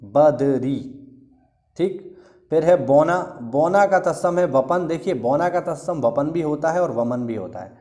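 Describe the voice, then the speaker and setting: A man with a fairly high voice teaches an exam-preparation lesson. He steps through a word list, repeating each key term and checking in with his students as he goes. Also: a little mellow. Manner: repeats key words, often checks in with "thik hai".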